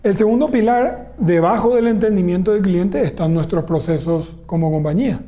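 A man's voice: high voice, moderate pace, warm tone. A man, a telecom executive in a business interview, laying out his points one by one. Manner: explains point by point, enumerating pillars.

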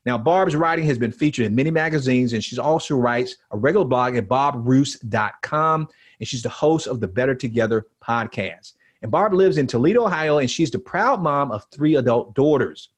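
Expressive, husky man hosting a podcast. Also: mid-range voice, normal speed. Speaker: podcast host. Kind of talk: upbeat scripted podcast hosting.

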